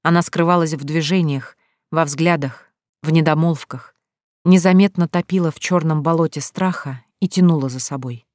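An audiobook narrator reading scripted narration in a steady, even storytelling manner. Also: mid-range voice, moderate pace, dry recording, clean studio sound.

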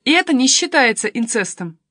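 A woman's voice: sits high, very animated, fairly bright tone, no echo, studio quality, pitched above the performer's own voice, full character voice. A woman reading a story, voicing a cheeky, mocking teenage daughter. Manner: quick, teasing, pert.

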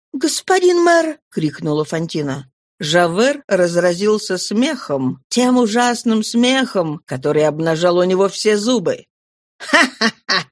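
A woman's voice: medium pitch, darkish tone, no room sound, clean studio sound. A woman narrating a novel as an audiobook, reading expressively and dramatically.

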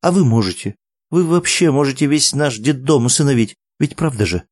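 A man's voice: mid-range voice, expressive, fairly quick, darkish tone, no room sound, voice pushed up, natural voice. A man voicing a frantic middle-aged woman who runs an orphanage, chattering and pleading.

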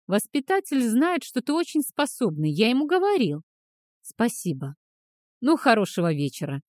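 A woman's voice: fairly high pitch, big pitch swings, moderate pace, darkish tone, no echo, clean studio sound. A woman reading the part of a kindly, absent-minded older male scholar in an audiobook, talking fussily. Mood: kindly, fussy.

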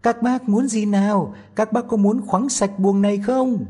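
A man voicing a tiny, bold and mischievous boy no bigger than a thumb, shouting loudly. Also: sits high, steady tone, measured pace, pitched above the performer's own voice. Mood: loud cheeky.

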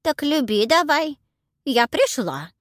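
Brief: a cranky, half-deaf old granny for a storybook, shrill and drawn-out. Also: female voice, very animated, no room sound, clean studio sound, full character voice. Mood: squawking. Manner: loud, shrill, drawn-out squawking.

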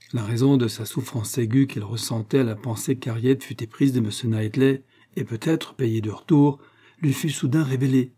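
Male audiobook narrator, dark husky tone, measured reading of a classic novel. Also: mid-range voice.

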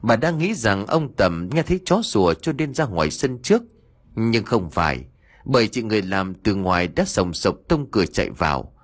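Male storyteller, low-pitched and husky, with a very animated, dramatic read. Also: normal speed. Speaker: audiobook narrator. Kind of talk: scripted story narration.

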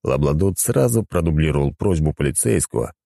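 Husky guy narrating a story, dry close mic, super animated. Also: very deep voice, brisk, no echo.

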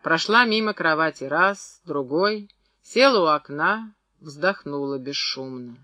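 Male audiobook reader, high and bright, dry close sound, measured literary reading. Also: lively intonation, no echo. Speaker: audiobook narrator. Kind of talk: scripted narration.

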